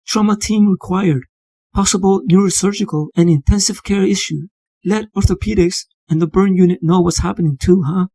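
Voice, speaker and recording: A man's voice: high voice, fairly even intonation, normal speed, dark tone, husky, no room sound, low-quality recording. A man doing a clipped paramedic. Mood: clinical. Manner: clipped, clinical. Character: male paramedic giving a clinical handover.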